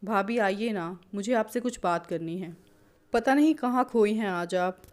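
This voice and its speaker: A young sister-in-law from a storybook, anxious and pleading, voiced by a woman. She keeps her voice low and hushed, as though afraid of being misjudged. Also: unhurried, lightly acted. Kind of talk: storybook character voice.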